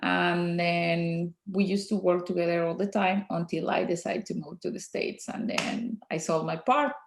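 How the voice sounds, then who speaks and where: A Mexican-accented woman in her forties speaks in a fairly low voice, pausing often and filling the gaps with soft "um"s. She is a native Spanish speaker talking in an interview. Her voice rings off the walls of a roomy, echoey space. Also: steady tone, vocal fry. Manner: soft-spoken, halting, with many fillers. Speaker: guest dentist.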